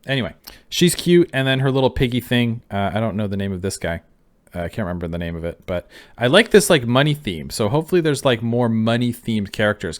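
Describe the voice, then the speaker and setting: A man giving casual reaction commentary, musing and thinking aloud as he goes. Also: medium pitch. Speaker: video reactor. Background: faint music.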